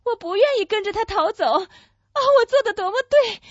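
A woman acts out a very high, lilting young woman in a radio play, loving and terrified as poison takes hold. Her voice swoops widely and catches in tearful breaths. The recording is dull and dry, with little room sound. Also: expressive, dry recording. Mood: tender. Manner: breathless, halting, tearful delivery. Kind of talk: Chinese radio-play acting.

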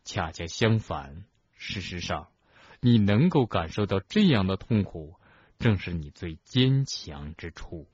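A man voicing a calm, gentle old headmaster who speaks softly and slowly, in an audiobook. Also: breathy edge, no room sound, muffled recording, exaggerated voice. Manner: soft, low, slow and soothing.

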